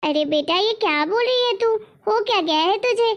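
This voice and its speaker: Brief: woman doing a high-voiced scolding mother-in-law, bossy and proud, family drama. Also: expressive, normal speed, lo-fi sound. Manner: scolding, indignant.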